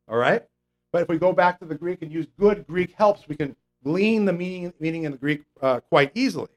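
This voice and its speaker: A preacher with a fairly high voice gives a conversational Bible teaching sermon at a moderate pace, explaining scripture step by step with fillers and frequent "okay?" checks to the congregation. At times he raises his voice to mock imagined religious people.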